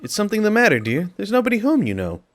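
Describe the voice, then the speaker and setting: A man voicing a fretful, gossipy elderly woman neighbour, talking softly in a doting, fussing way as he reads game dialogue aloud. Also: high-pitched, wildly swooping pitch, fast talker, voice pushed up.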